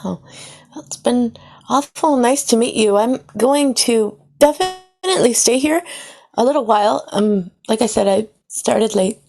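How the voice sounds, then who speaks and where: Slow, hesitant young woman. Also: a little high, creaky, darkish tone, soft background music. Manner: hesitant, many fillers. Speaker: listener sitting in. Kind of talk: casual chat.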